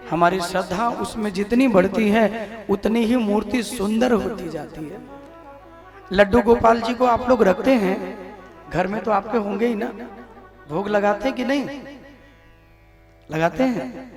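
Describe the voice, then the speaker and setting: High-pitched indian guy preaching a devotional katha, echoey hall, faint music under. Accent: North Indian, Vrindavan. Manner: exhorting, calls on audience to respond. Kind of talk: devotional sermon.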